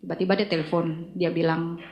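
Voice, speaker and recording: A woman giving a personal faith testimony, telling her story with animated retelling of remembered conversations. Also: on the low side, brisk, lo-fi sound. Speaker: church testimony speaker. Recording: roomy echo.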